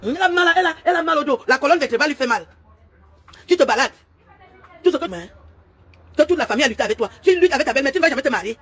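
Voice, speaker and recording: Woman, high voice, rapid-fire boastful mockery on a live stream. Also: lively intonation, a bit bright. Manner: boastful, taunting and mocking. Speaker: social media influencer on a live stream. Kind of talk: insulting live-stream rant. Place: at home with her partner.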